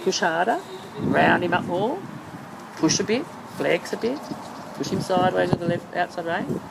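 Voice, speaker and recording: In an outdoor arena, a female riding instructor with a fairly low pitch and vocal fry repeats brief, insistent coaching commands. The camera mic picks up outdoor noise around her.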